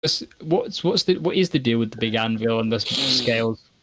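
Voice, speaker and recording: A man's voice: medium pitch, animated, moderate pace, background noise. A man playing a tabletop game, chatting in casual banter.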